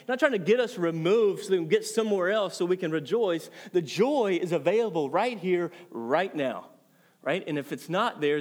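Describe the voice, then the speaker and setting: High-voiced man preaching animatedly. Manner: animated preaching with frequent "right?" check-ins; repeats words when building a point. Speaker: pastor. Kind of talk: sermon.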